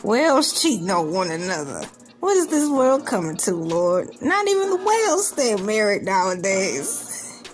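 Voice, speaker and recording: A woman with a medium-pitched voice speaks a little slowly, her pitch swinging widely. She's a video host giving casual, comedic commentary on a news article, full of incredulous, joking and rambling asides, with background music running under her voice.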